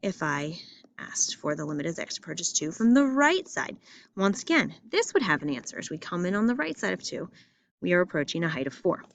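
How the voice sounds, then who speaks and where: A woman teaching a math lesson in a school, talking in a lively, emphatic way and repeating phrases for stress. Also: lowish voice, fairly quick, gravelly. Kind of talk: classroom lesson walking through graphs. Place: school classroom or building with loudspeaker.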